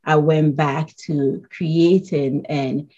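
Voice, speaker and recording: A woman from Ghana, answering interview questions in a measured, thoughtful way and pausing with ums. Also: sits low, steady tone, dark tone, breathy edge, dull audio. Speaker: guest artist.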